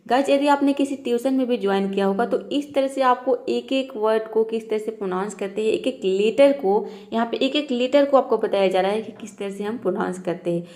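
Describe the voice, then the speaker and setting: A woman's voice: on the high side, darkish tone. A woman teaching English pronunciation in a classroom-style lesson, patiently repeating points and drawing out example words one by one. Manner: slow, drawn-out word-by-word pronunciation drills.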